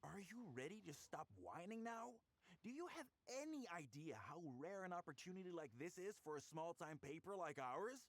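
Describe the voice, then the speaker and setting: An actor playing a shady, blustering newspaper boss who bullies people and stammers obsequiously when cornered, in a video game. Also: male voice, high voice, very animated, moderate pace. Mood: impatient, scolding. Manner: bullying, then stammering and obsequious.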